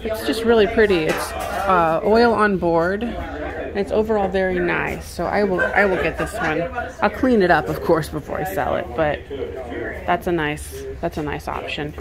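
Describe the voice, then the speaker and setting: At estate sales, moving through a house and garage, an antiques reseller who vlogs murmurs casual commentary as she shops, recorded on a handheld phone or camera. Her pitch is fairly low, her pace moderate, with a crowd audible behind her.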